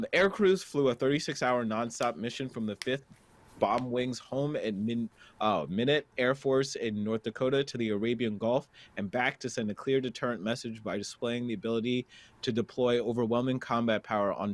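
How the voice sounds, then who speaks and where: A man co-hosting a podcast, reading a news item aloud and giving measured opinions in casual political talk. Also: medium pitch, dry recording. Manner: reads news aloud then comments, measured. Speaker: podcast co-host.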